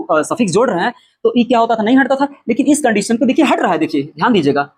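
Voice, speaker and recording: A man teaching an English spelling lesson, who asks his own questions, answers them and repeats every point. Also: extremely high pitch. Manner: spells out words letter by letter.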